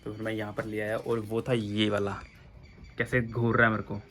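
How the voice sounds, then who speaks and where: A man's voice: lowish voice, level tone, normal speed, fairly bright tone. Young guy chatting to his viewers while he feeds his birds, outdoors, a bit of background noise. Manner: chatty, addresses viewers as friends. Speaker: vlogger keeping birds and rabbits. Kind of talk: casual vlog narration. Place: outdoor rooftop bird enclosure.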